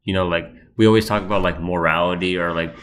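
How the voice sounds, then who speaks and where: A man with a very low voice co-hosting a podcast in a casual chat. He agrees readily and fills in with quick backchannel replies. He sounds easygoing as he adds his own thoughts. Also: steady tone, fairly bright tone, a little hiss or hum. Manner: agreeable, frequent backchannel "yeah". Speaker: podcast co-host.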